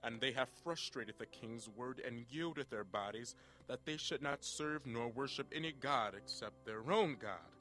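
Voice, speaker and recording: A man's voice: mid-range voice, a little slow, bright, forceful tone, faint music behind, voice pushed up. A man playing a proud, hot-tempered king in a dramatic scripture audio reading, declaiming imperiously and stretching words for emphasis. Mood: solemn decree. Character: proud, furious, booming king of Babylon, given to decrees.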